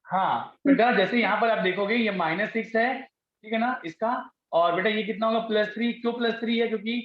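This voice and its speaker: A man's voice: sits high, brisk. Guy teaching chem to a class, keeps asking questions, dull echoey room sound. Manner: coaxing, repeats questions to students. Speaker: chemistry teacher. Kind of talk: classroom lecture.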